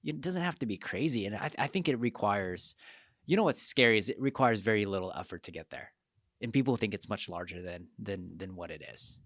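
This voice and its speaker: Low-voiced man hosting a casual talk. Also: expressive, a little fast, fairly bright tone, dry recording, clean studio sound. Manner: affirming, frequent backchannel agreement. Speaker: podcast host. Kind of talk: casual conversation.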